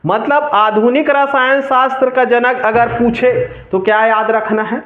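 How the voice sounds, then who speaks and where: Chhattisgarhi male tutor, high voice, slow drilling delivery, tinny echoey room recording. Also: steady tone. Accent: Chhattisgarhi Hindi. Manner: call-and-response quizzing, repeats key answers. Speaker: teacher. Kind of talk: exam-prep chemistry lesson.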